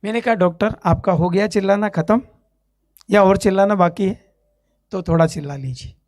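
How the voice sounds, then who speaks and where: Man from Ajmer, India, church testimony speaker, animated storyteller who acts out the dialogue, dry sound. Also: sits high, moderate pace, no echo. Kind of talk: spoken testimony on stage. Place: church stage.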